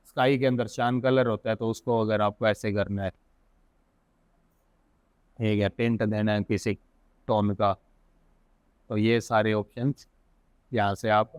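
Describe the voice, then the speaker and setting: Casual Indian man teaching software. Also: mid-range voice, smooth, no echo. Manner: casual, thinks aloud, corrects himself. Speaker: software instructor. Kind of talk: screen-recorded software tutorial.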